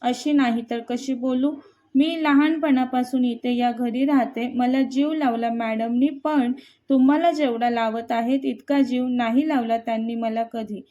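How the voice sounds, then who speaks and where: A woman voicing a jealous young housemaid who speaks resentfully and with a sharp tongue in a storybook reading. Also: on the high side, steady tone, measured pace, lo-fi sound, natural voice.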